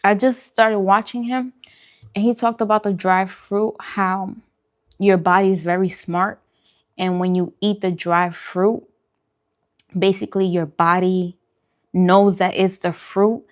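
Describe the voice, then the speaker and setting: Her mid-range voice holds a level tone at a measured pace. As host of a food and vlog channel, she casually chats through viewer questions during an eating show, informal and prone to repeating phrases for emphasis.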